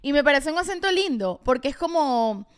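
A woman's voice: high-pitched, lively intonation, brisk. A woman co-hosting a podcast in casual chat, explaining things at length with enthusiasm. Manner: enthusiastic, talks in long explanations. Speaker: podcast co-host.

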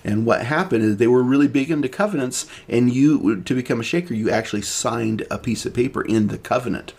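A man's voice: mid-range voice, fairly quick, darkish tone. A man hosting a casual podcast chat, explaining at length with many restarts and fillers. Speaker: podcast host presenting the topic.

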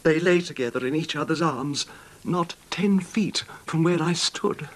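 In an old-time radio drama, an actor plays an ailing, betrayed husband narrating his grievance in recollection. His fairly high voice sounds pained and brooding, with a halting, formal, genteel delivery. The old recording is noisy.

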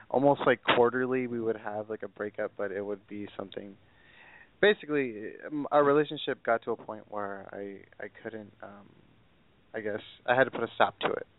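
Young man, caller on a phone line, low voice, gravelly fry, hesitant rambling, tinny distant sound. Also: normal speed, dry recording. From Southern California. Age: 20s. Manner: hesitant, rambling with many fillers. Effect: heard over a phone line. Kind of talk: call-in advice conversation.

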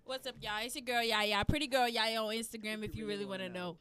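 A young woman speaking as a guest on a casual group podcast, quick and scolding. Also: on the high side, fairly even intonation, fairly bright tone. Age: young adult.

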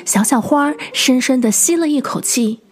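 A woman storyteller reading to children in a gentle, lilting, expressive way. Her voice is fairly high and a little breathy. Faint music plays softly behind her. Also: normal speed. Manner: gentle, expressive, sing-song narration.

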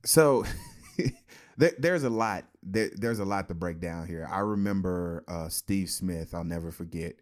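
A former football player co-hosting a casual sports talk show, telling stories in a laid-back way with slang and laughter. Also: male voice, deep voice, measured pace.

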